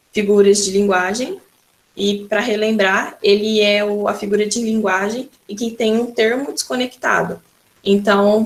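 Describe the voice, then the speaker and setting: A woman's voice: mid-range voice, gravelly. A woman teacher with a Brazilian accent giving a recorded school lesson, patiently explaining and often starting her sentences with "então". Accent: Brazilian Portuguese.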